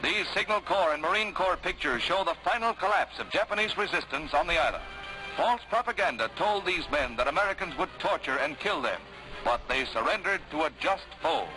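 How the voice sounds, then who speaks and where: A man's voice: on the high side, animated, low-quality recording. Man narrating an old wartime newsreel. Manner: brisk, dramatic announcer delivery. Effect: old newsreel soundtrack. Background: music.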